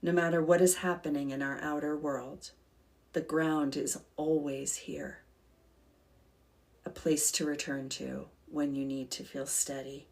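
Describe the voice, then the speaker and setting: Female meditation guide for a calm grounding exercise: slow, gentle, creaky voice. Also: sits low. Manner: calm, soothing, gentle, unhurried with long pauses.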